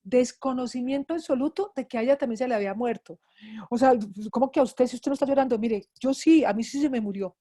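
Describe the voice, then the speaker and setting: A middle-aged Colombian woman with an Antioquian accent tells a class about her own grief. Her voice sits a little high yet sounds mellow and soft-edged. She speaks with feeling and repeats words to drive each moment home. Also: fast talker. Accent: Antioquian Colombian Spanish. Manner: emotional storytelling, repeats words for emphasis. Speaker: grief psychologist teaching a class. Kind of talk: personal testimony in a lecture.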